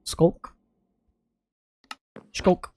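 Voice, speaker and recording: An extremely slow, mellow voice belongs to a chatty streamer with a dry throat. During casual live gameplay commentary, the streamer talks to themselves while playing and laughs often.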